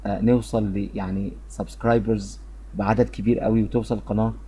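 A man with an Egyptian Arabic accent teaching a beginner English lesson, patiently explaining and slowly repeating short phrases for drilling. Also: fairly low pitch, flat delivery, mellow, slight background noise.

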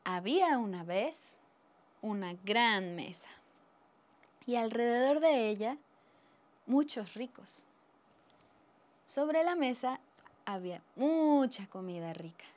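A woman telling a children's story and sharing a family game, slow and expressive. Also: a little high. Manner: slow, expressive, drawn-out reading.

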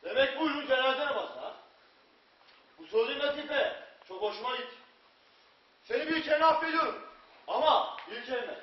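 Man playing a high-pitched, imperious Ottoman sultan. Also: lively intonation, normal speed, long pauses. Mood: commanding. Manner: commanding, declamatory. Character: imperious Ottoman sultan, stern but amused. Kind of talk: stage theatre acting. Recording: echoey, muffled, noisy distant stage recording.

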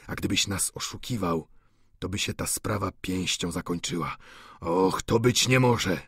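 A man reading an audiobook, voicing an aging, doting father who talks in a husky, pleading way. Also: fairly bright tone, no room sound, studio quality, exaggerated voice. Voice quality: husky, slow and low.

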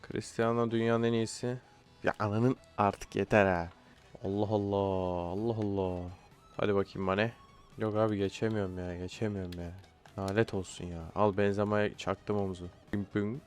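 A young man talks over his own football video game match in a low voice. He mutters, then bursts out in frustration at his players. Faint music plays behind him. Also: little pitch movement, normal speed, a little mellow. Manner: frustrated outbursts, swearing at players. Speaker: gaming YouTuber. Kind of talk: live gameplay commentary.

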